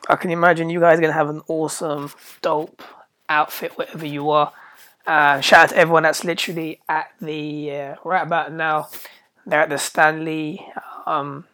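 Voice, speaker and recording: A British podcast host with a slightly hoarse voice after an illness, chatting casually in a rambling, slangy way and often stumbling over and repeating words. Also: mid-range voice, a bit bright.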